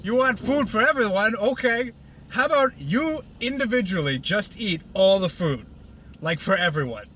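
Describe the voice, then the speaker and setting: A blunt cartoon farm pony mare answers in an offhand, raised voice, as a man puts her on. The voice is bright. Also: high voice, animated, moderate pace, slight background noise, pitched above the performer's own voice.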